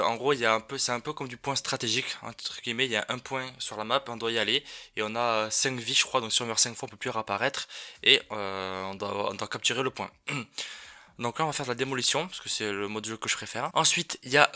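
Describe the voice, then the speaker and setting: A man talks through a match in a loose, rambling way, full of fillers and restarts. His voice is very bright and forward, at a middle pitch. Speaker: gaming YouTuber. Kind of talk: casual gameplay commentary.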